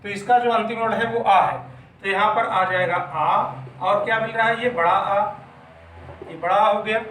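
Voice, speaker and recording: A man's voice: sits high, fairly even intonation, moderate pace, a bit bright, slight background noise. A man teaching a grammar lesson patiently, asking questions and answering them himself. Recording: echoey room, mic at a distance.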